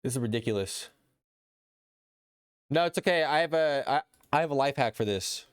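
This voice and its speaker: A man's voice: medium pitch, expressive, moderate pace, smooth. A man streaming live, chatting casually with his chat in a rambling way and reading posts aloud.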